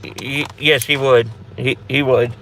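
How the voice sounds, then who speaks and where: A man's voice: medium pitch, steady tone, measured pace, a bit bright, slight background noise. A man hosting a casual live Q&A for a paranormal channel, talking in a rambling, blunt way with frequent restarts and some swearing.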